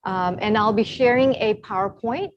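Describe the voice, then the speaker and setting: A middle-aged woman from Zambia, an Ayurvedic consultant, giving a relaxed talk full of ums over a video call. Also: mid-range voice, moderate pace, crowd noise. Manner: relaxed, many ums, explanatory. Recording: slightly dull video call audio.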